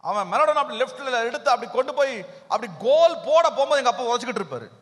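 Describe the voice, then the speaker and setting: A man with a Tamil Nadu accent preaching at a youth camp, firing questions at the crowd and breaking into sudden loud bursts. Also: very high-pitched, expressive, racing. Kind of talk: sermon. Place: large hall at a hillside camp. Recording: long hall reverb.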